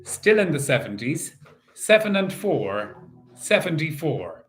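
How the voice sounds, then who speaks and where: A man working as a bingo caller, calling out numbers in set phrases and repeating each in a measured, sing-song way. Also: on the high side, very animated.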